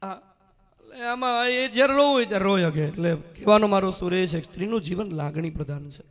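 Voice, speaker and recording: A man giving a devotional sermon, telling stories in a folksy, humorous, animated way. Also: high voice, quick pace. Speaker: kathakar, preacher.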